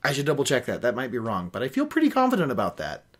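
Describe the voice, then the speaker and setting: Racing along in a medium-pitched voice full of huge pitch swings, a young man hosts a reading show. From his small home office he reads a novel aloud, then veers off into nitpicking, opinionated commentary.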